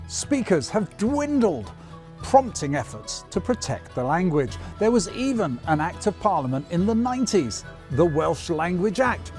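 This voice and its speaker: On location at a castle, a reporter and presenter narrates a news feature and interviews people outdoors. His voice is high-pitched and somewhat mellow.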